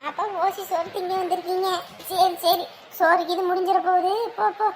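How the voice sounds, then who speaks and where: An actress playing a sharp-tongued, gossiping older woman, taunting and sarcastic. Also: extremely high pitch, level tone, normal speed, a little hiss or hum. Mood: mocking. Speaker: mocking older relative. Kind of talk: village family drama acting.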